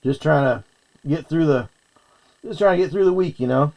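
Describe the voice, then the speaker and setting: A man's voice: on the high side, moderate pace, vocal fry, highs cut off. A man chatting casually on a livestream while he eats, sometimes talking with his mouth full. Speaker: streamer.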